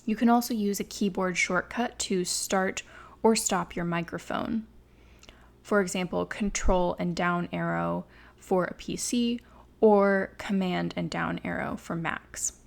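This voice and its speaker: A woman reading a scripted software tutorial in a measured, instructional way. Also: on the low side, fairly even intonation, vocal fry. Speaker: tutorial narrator.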